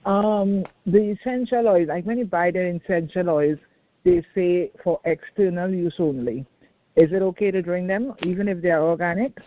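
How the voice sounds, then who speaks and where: A woman's voice: lowish voice, moderate pace. An older woman from Trinidad with a Trinidadian accent, calling in with an earnest question. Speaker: caller. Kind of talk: call-in question. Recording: tinny phone line.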